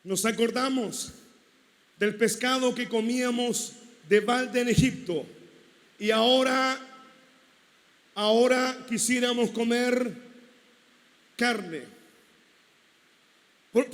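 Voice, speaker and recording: A man with a Chilean Spanish accent preaching a sermon, swinging from loud shouting to hushed asides. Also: very high-pitched, takes it slowly, long pauses. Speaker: pastor. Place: large church hall at a congress. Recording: long hall reverb.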